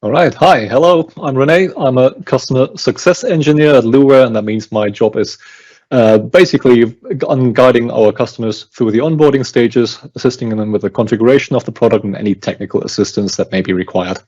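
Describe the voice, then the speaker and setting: A man with a German accent, a customer success engineer, explaining a software installation step by step on a webinar call. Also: mid-range voice, fairly quick, lo-fi sound. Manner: explains step by step while working. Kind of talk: live technical walkthrough. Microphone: video call.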